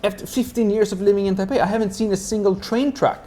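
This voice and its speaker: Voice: mid-range voice, fairly even intonation, quick pace, mellow, soft background music. A speaker who grew up in Sweden, chatting casually and rambling with lots of "like" fillers. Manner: rambling, heavy use of "like" fillers. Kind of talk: casual chat.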